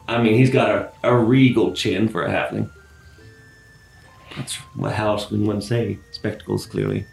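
A man with a gravelly voice lays out his character in a slow, dry, deliberate way. It sounds like a tabletop game session. The room is echoey with faint music. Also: lowish voice. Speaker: player. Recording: roomy echo, faint music.

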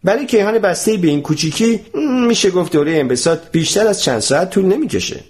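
A calm, learned professor in a storybook, explaining things patiently and gently, voiced by a male narrator. His voice sits a little high and moves in a lively, animated way.

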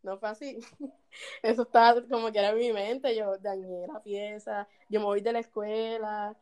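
A woman with a Puerto Rican accent telling a story in casual chat, animated and often laughing as she talks. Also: medium pitch, moderate pace, a crowd in the background.

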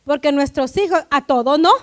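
A woman preaching a lively church sermon, often checking in with her listeners and acting out family scenes. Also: high voice, moderate pace. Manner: animated, keeps asking "right?", acts out family quotes.

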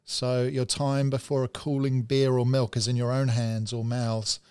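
A man's voice: medium pitch, flat delivery, moderate pace, darkish tone, clean tone, no room sound, studio quality. A man hosting a casual podcast, joking and laughing often. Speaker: podcast host.

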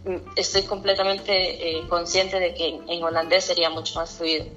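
Bright-voiced Costa Rican woman. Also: on the low side, brisk, muffled recording, soft background music. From Costa Rica. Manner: animated storyteller, laughs often. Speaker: guest. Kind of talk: casual conversation.

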